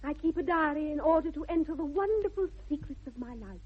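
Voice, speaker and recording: Willful, ingenuous English girl of eighteen, lively swooping delivery, thin vintage radio sound. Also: sits high, a little fast, narrow, tinny audio. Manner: girlish, ingenuous. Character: pretty, artless, willful eighteen-year-old girl. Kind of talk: 1960s BBC radio comedy acting.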